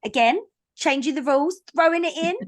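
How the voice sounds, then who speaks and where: A brisk, high-voiced woman hosts a book launch held over a video call. Her chat is casual and playful; she teases the audience and owns up to being a stickler for rules. The recording uses a video call mic.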